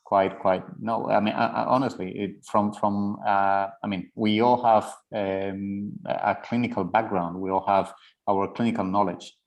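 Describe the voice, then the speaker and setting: Deep gravelly spanish-accented guy on a panel, lots of i-i-i restarts. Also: steady tone, a little slow. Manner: hesitant, stammering with many repeated words. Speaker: panel moderator. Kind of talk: panel discussion.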